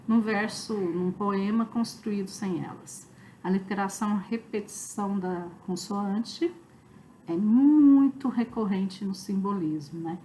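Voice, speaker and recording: A Brazilian woman teaches a literature review class in an explanatory way, pausing often to check in with her students. Her voice sits in a middle pitch. A faint hiss of noise runs under the recording. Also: darkish tone, low-quality recording. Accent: Brazilian Portuguese. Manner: explanatory, many fillers like "né?" and "tá?". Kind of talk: online review lecture.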